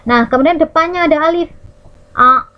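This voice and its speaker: Lively Indonesian woman teaching recitation rules. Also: on the high side, muffled recording. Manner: demonstrates Arabic recitation, stretching words slowly; lively teacherly, checks in with "ya" and "nah". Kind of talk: Quran recitation rules lesson for children.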